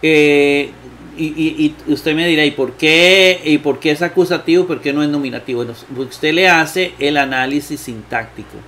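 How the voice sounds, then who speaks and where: A man teaching Greek grammar in a slow lecture, thinking aloud with many fillers and asking himself rhetorical questions. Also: a little high, a bit bright, a little hiss or hum. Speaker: Bible exegesis teacher.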